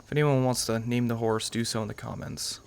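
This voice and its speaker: This gaming channel host, a young New Yorker, delivers casual let's-play commentary in a brisk, gravelly voice of medium pitch and steady tone. He rambles and tends to hedge his own statements.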